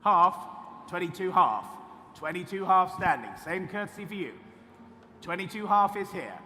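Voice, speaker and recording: A man's voice: high-pitched, lively intonation, normal speed, sharp tone. A man working as an auctioneer, calling and repeating bids in a clipped live sale patter. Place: large auction room at a motor festival. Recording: noisy, reverberant auction hall PA.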